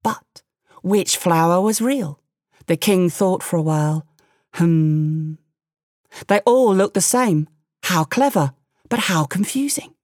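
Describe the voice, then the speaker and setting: A woman telling a fairy tale, her voice mid-pitched and expressive, with playful little asides. The sound is dry and close. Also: unhurried, dry recording. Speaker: storyteller. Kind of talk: storytelling narration.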